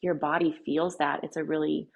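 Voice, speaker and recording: A woman hosts an intimate interview in a lowish, husky voice. She speaks conversationally, putting her questions gently and tentatively. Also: level tone, normal speed. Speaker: interviewer, host.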